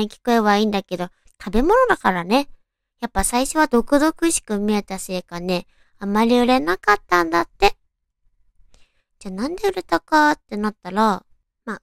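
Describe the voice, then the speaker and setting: A woman with a naturally high, cute anime-girl voice, hosting a casual solo radio talk and chatting to listeners in a girlish, friendly way. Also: gravelly, dry recording, clean studio sound. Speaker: radio show host.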